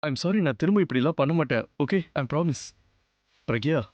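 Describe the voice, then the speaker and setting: A man's voice: fairly high pitch, lively intonation, normal speed, a little mellow, no room sound, muffled recording, lightly acted. A man playing a doting, teasing young husband. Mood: teasing, tender. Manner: coaxing, affectionate teasing. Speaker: romantic male lead in a TV serial. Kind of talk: television soap drama.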